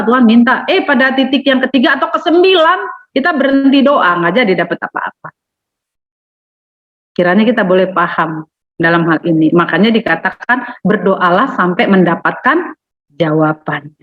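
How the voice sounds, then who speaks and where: Woman, fellowship teacher, animated, tinny phone-like sound. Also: medium pitch. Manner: animated, acts out quoted voices. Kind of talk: casual teaching on prayer. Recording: tinny phone-line audio.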